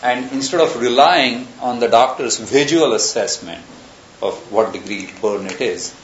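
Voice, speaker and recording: A man with a mid-range voice lectures a university class at a measured pace, thinking aloud as he moves from one example to another. The lecture room recording is roomy and echoey, a bit muffled, with faint hiss beneath.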